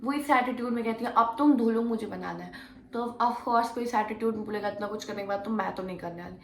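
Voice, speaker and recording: A woman's voice: medium pitch, quick pace, slight background noise. A young woman vlogger casually recounting a story, acting out the quoted arguments as she goes. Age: young adult. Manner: animated retelling, acts out quoted arguments. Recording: echoey room.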